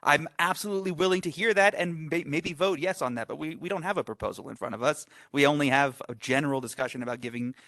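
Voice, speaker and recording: Fast-talking man trustee on a dry mic. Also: fairly high pitch, sharp tone, no room sound. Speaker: town trustee. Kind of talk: meeting debate.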